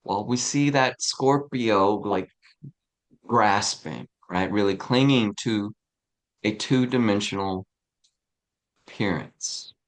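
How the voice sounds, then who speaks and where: A man teaching a casual spiritual study class, relaxed and chuckling often, checking in with his listeners as he goes. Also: lowish voice, slow, long pauses. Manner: relaxed, chuckling, frequent "right?". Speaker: teacher of a tarot study group.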